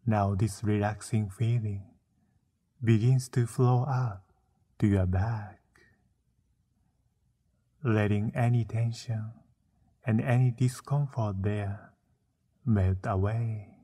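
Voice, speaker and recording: A man narrating a guided meditation, soothing and unhurried, with frequent pauses between short phrases. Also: on the low side, fairly even intonation, warm tone, slightly rough.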